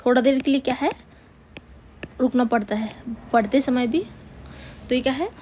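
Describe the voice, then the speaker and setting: A woman teaching a grammar lesson, patiently repeating key words, asking rhetorical questions and dictating slowly word by word as she writes. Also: sits high, a little mellow, slight background noise.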